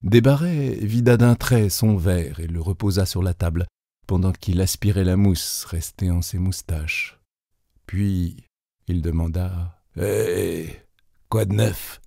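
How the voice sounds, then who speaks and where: A man reading a literary story aloud as narrator, in a measured, deliberate way. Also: low voice, mellow, no echo, studio quality.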